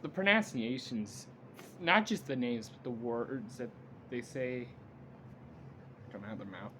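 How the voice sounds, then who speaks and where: A man giving an unscripted movie review rant, halting and blunt, with frequent restarts. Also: mid-range voice, animated, sharp tone, slight background noise.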